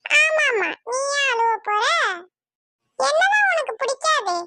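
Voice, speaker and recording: A teasing cartoon young man with a squeaky, piercing voice. He talks in a playful sing-song way, close and dry to the mic. The tone is bright and cutting. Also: big pitch swings, slow, no echo, full character voice. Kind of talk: cartoon voice acting.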